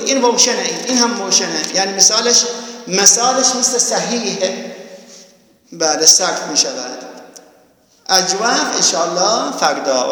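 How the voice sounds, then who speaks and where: High-voiced male teacher in echoey room. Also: fairly bright tone. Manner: patient, repeats terms and quizzes students. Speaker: teacher of Arabic grammar. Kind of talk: online class lesson. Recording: very echoey room with long reverb.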